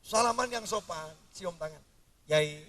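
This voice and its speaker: A man preaching a sermon, jumping between high outbursts and low mutters. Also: expressive, unhurried, bright, forceful tone, distant mic.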